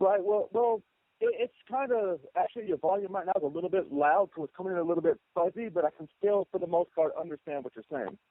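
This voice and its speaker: A man's voice: sits high, fast, dry recording. A man chatting casually as a podcast guest over a narrow phone connection. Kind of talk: casual chat. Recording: narrow, tinny phone-line audio.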